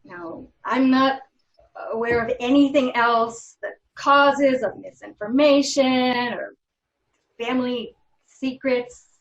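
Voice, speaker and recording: In a script table read, a woman voices a stern, formal law office official, speaking deliberately with long pauses in a grave, firm mood. Her voice is high-pitched and the recording is muffled.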